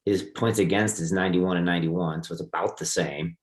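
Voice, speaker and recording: A man with a very deep voice chats about fantasy football odds and playoff chances. He thinks aloud loosely, restarting phrases and leaning on "you know." His voice sounds roomy, with echo around it. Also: fairly even intonation, brisk. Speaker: fantasy football league co-host. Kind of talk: casual podcast chat.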